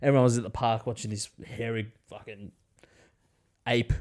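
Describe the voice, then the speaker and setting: A man's voice: mid-range voice, flat delivery, moderate pace, darkish tone. An Australian man chatting casually as a podcast co-host, with a laconic manner, short repeated phrases and easy swearing. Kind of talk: casual chat.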